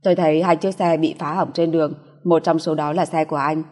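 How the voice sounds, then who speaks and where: A cocky, swaggering male mercenary from an audiobook, as a woman reads him, coarse and quick to curse. The voice sits low and mellow with a breathy edge. A long reverb trails each line. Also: steady tone. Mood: brash.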